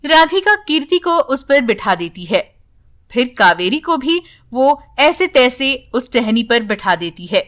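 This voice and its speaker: Woman storyteller, high voice, slow measured narration. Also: very animated, a bit bright. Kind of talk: scripted narration.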